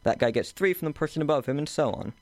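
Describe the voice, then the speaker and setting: A young man doing a relaxed cigar-smoking lodger. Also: fairly high pitch, quick pace, gravelly, dry recording, voice pushed up. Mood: offhand. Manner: casual, offhand.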